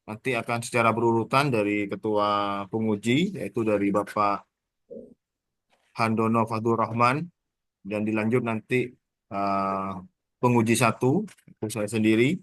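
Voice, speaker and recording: A man moderating a formal online thesis exam, orderly and steady, pausing with "eh" now and then. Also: fairly low pitch, no room sound. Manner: orderly, formal, with frequent "eh" pauses. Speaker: thesis examiner. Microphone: video call.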